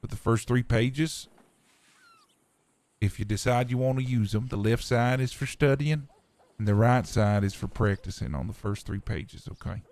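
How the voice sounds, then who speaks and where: A man's voice: mid-range voice, moderate pace, a little mellow, lightly acted. A man playing a folksy frontier preacher. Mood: earnest. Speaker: roleplay streamer. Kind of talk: live roleplay.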